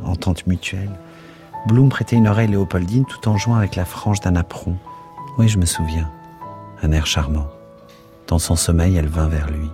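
A man with a deep, low voice reads literary prose aloud, expressive and rhythmic. He lingers over words and images. Faint music plays softly behind him. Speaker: narrator. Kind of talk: literary reading. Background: soft music.

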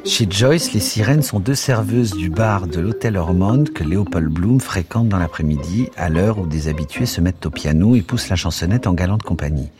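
A man narrating a literary text in an expressive, rhythmic reading that lingers over words. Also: deep voice, moderate pace, hardly any pauses. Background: soft music.

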